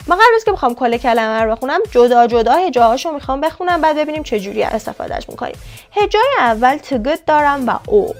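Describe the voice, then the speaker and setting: High-voiced woman teaching Korean consonants. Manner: repeats sounds slowly, addresses viewers as kids.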